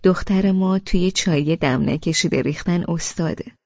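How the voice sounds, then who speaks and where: A woman voicing a playful older matriarch who jokes with warmth and mischief. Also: on the low side, dry recording, lo-fi sound. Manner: playful, joking.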